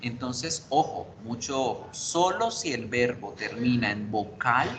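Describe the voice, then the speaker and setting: A man's voice: medium pitch, lively intonation, a little slow, a bit bright. A man teaching an online English class, explaining grammar rules step by step, switching between Spanish and English and checking in with the class. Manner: spells out letters and asks the class for confirmation. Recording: roomy with background noise.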